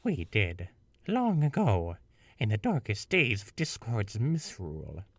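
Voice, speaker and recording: A man's voice: lowish voice, huge pitch swings, takes it slowly, no echo, distant mic, heavily acted. A man voicing a regal, ancient female pony princess, reading her lines in a stately, raised voice. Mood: solemn.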